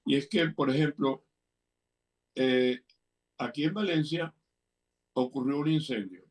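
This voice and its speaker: A man's voice: mid-range voice, measured pace, far from the mic. An older man with a Venezuelan Spanish accent tells stories in an easy, playful way. He acts out the people he quotes as he goes. He sits a little back from the mic. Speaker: guest, interviewer's father. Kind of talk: anecdotal storytelling.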